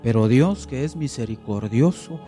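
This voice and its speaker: A man preaching a sermon at a church service, slow and emphatic, repeating phrases and swinging between loud declarations and hushed pleading. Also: medium pitch, animated, soft background music. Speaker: pastor.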